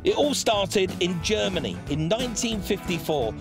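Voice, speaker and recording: A man narrating a documentary in a lively, emphatic scripted delivery. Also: high voice, normal speed, vocal fry. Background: background music.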